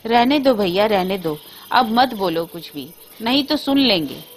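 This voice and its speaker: A woman voicing a timid, anxious young sister-in-law who speaks in a hushed, fearful, pleading way in a Hindi storybook tale. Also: mid-range voice, lively intonation, a little slow, slight background noise, lightly acted.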